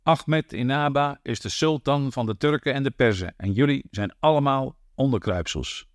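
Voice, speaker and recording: A man's voice: mid-range voice, moderate pace, no echo, studio quality, pitched above the performer's own voice, lightly acted. A man reading as a drunk boastful tavern singer. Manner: mocking, swaggering.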